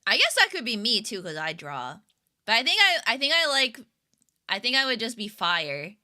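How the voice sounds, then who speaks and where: Bright, giggly young woman streamer. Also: on the high side, sing-song, normal speed. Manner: rambling and giggly, with lots of fillers. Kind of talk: casual livestream chat with viewers.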